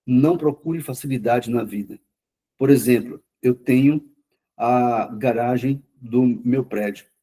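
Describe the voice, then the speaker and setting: A man lectures a class in a quick, conversational way, often repeating words to drive a point home. His voice is dark and mellow, with a slightly husky grain. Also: mid-range voice. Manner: says himself he talks fast. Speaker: lecturer on mental health therapy.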